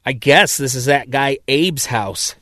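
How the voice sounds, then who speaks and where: A man voicing a tired adult woman in a narrated story, speaking in a flat, weary way. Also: mid-range voice, a little slow, no echo, clean studio sound.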